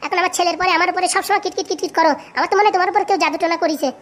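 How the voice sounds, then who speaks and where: A woman doing a nagging, sharp-tongued wife. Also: very high-pitched, steady tone. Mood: scolding. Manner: scolding, nagging, rapid-fire. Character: bossy, sharp-tongued middle-aged wife. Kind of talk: comic cartoon voice acting.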